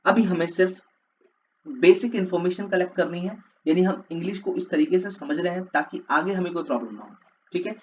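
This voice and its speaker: A man teaching a class, asking questions and having the listeners repeat words back to him. His voice sits a bit high for a man. The audio is slightly dull and lo-fi, with a faint hiss behind it. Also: brisk, a little mellow. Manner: repetitive call-and-response drilling. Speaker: English teacher. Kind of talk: classroom lecture for exam prep.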